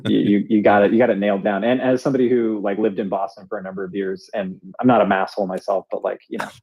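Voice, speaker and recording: Husky, lowish-voiced man chatting. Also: fairly even intonation, fast, highs cut off. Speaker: co-host and author. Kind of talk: casual explanatory chat.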